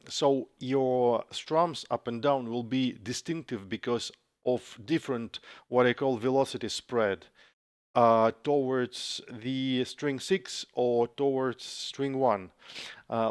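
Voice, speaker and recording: A man explaining music software step by step in a tutorial, with frequent pauses and fillers. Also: medium pitch, clear, resonant tone, no room sound, clean studio sound. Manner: slow, methodical explaining with frequent uhs. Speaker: software developer demonstrating a plugin. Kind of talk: screen-recorded tutorial. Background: guitar samples playing from the software.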